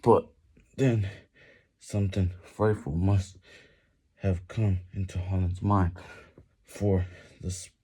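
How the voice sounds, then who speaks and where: A man's voice: low-pitched, level tone, slow pace, pauses often, warm tone, husky. A man reading a novel aloud while doing push-ups, exerting himself, with sighs between phrases and words often broken off and repeated.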